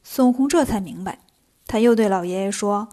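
A woman narrating a children's story in a lively, playful way. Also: mid-range voice, fairly quick.

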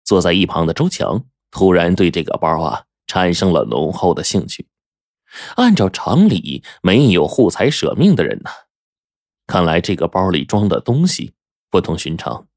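A man's voice: moderate pace, no echo, clean studio sound. A man telling a dramatic story aloud, acting out the characters with big swings in his voice. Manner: animated, acts out characters' lines with sharp pitch jumps.

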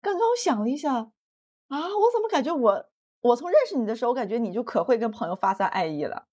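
A woman's voice: fairly high pitch, lively intonation, quick pace, a little mellow. A woman co-hosting a podcast in casual chat, who laughs along and trails off mid-thought. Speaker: podcast co-host.

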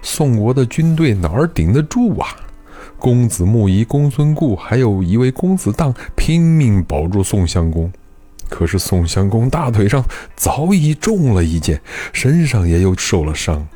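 Low, animated male storyteller. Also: unhurried. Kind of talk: scripted historical story narration.

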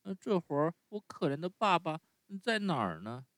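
Man playing a wooden puppet boy, high squeaky, eager, hesitant "uh"s, lively pitch, dry sound. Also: moderate pace, no room sound. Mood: pleading. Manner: high squeaky boyish voice, often starts with "uh". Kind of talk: bedtime story reading.

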